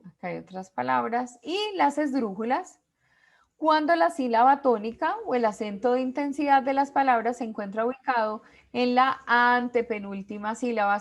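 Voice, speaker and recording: A woman teacher giving an online class over a video call, explaining rules step by step and reading out lists of words one by one. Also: a little high. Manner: slow, deliberate, reads out word lists.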